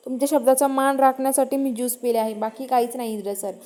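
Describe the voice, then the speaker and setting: A woman giving voice to a meek young woman who answers with polite deference. The voice is high and mellow, close to the narrator's own. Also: little pitch movement, fast talker, close to an everyday voice. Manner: polite, deferential, calls him sir.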